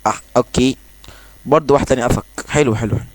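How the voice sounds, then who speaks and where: A man with an Egyptian Arabic accent giving casual, excitable commentary over his own gameplay, joking and exclaiming as he plays. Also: medium pitch, rapid-fire, dry recording. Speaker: gaming channel host.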